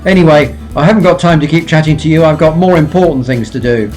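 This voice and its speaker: A woman's voice: sits low, quick pace, darkish tone, soft background music, lightly acted. A woman voicing a bullying male diesel engine who sneers and schemes, in a toy-train storybook. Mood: sneering. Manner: menacing, sneering.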